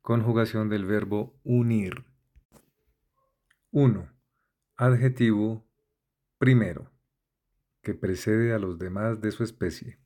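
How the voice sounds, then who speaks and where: A man reading a list of words with their definitions, slowly and methodically spelling out letters and accent marks. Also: fairly low pitch, steady tone, mellow. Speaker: word list reader. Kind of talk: slow dictionary-style reading.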